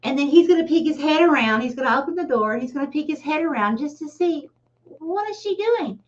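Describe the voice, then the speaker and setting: High-voiced chatty woman reading tarot. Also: fast. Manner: chatty, laughs often at herself. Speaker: tarot reader. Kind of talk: casual livestream reading. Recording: distant, slightly dull mic.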